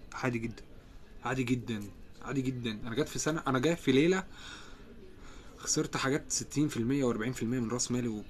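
Fast-talking Egyptian man on a live stream. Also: mid-range voice, slight background noise. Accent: Egyptian Arabic. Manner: quick-talking, chatty, reads out comments and answers them. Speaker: live-stream host answering viewer comments. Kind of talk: casual live-stream chat.

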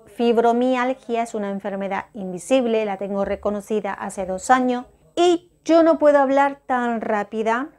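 A middle-aged woman, chatting slowly and deliberately to her viewers, often stopping to correct herself. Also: a little high, darkish tone. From Spain. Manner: slow, careful, deliberate speech; chatty, self-interrupting. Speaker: vlogger. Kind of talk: casual talk to camera.

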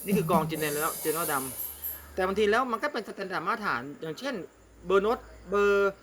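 Thai man teaching music software. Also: a little high, a little fast. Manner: talks directly to viewer, repeats "see?" often. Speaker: music tutorial host. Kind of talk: casual screen-recorded software tutorial.

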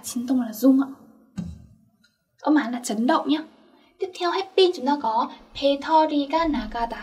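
A woman teaching an online language lesson, saying words slowly and repeating them for learners, and often checking with questions. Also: high-pitched, a little mellow, far from the mic.

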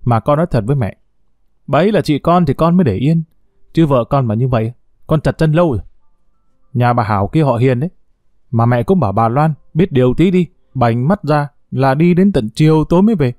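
A man's voice: medium pitch, animated, brisk, a little mellow, dry recording, studio quality, lightly acted. A man voicing a brash, flippant young man who lazes about. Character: cocky idle young man, lazy son.

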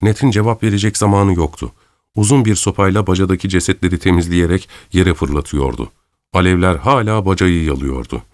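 Deep guy reading a scary story audiobook, slow dramatic telling, dead dry sound. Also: a little mellow, no echo. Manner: measured, dramatic storytelling, voicing characters' lines lightly. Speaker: audiobook narrator. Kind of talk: scripted audiobook narration.

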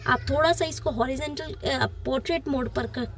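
Female tutor with a high pitch, walking students through slides patiently and repeating key points. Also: moderate pace, a bit bright. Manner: patient, repeats points, mixes in English terms. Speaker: teacher. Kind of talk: exam-prep lesson explaining slides.

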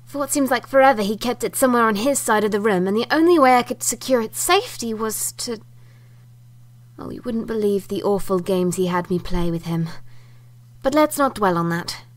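A woman's voice: a little high, lively intonation, normal speed, lightly acted. A woman voicing a prim, theatrical young sister who speaks genteelly and with exasperation. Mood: exasperated.

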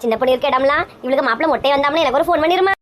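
A woman's voice: sits high, racing, a little hiss or hum, lightly acted. A woman with a Kanyakumari Tamil accent playing a bossy, protective elder sister in a comedy skit, scolding and urgent.

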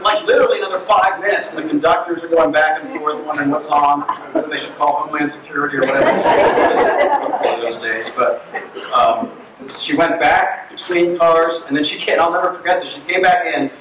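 Man, preacher, high voice, storytelling sermon, very echoey church, distant mic. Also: a little fast, noisy background. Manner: storytelling, animated, with filler words. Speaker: pastor. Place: church sanctuary.

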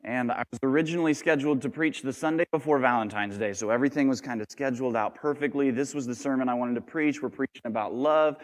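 A pastor in his thirties delivers a sermon with self-deprecating jokes and lively asides. His voice sits at an ordinary middle pitch for a man. The sound carries a long church-hall reverb. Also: fast, hardly any pauses. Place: church sanctuary.

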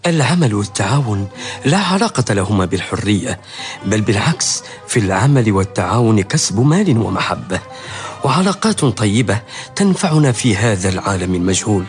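Prudent, low-voiced husband. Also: male voice, big pitch swings, fairly quick, faint music behind. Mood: earnest. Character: prudent, loving husband, gently counselling. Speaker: actor in a historical radio serial. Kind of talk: radio drama acting in formal Arabic.

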